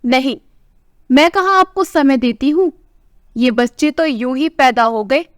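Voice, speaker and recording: A tart, scolding older wife who nags her husband out of care, told as a storybook tale, with a woman reader putting her on. The voice is high, smooth and clear. It is recorded close and dry. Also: a little slow, no echo. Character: sharp-tongued older wife, caring underneath.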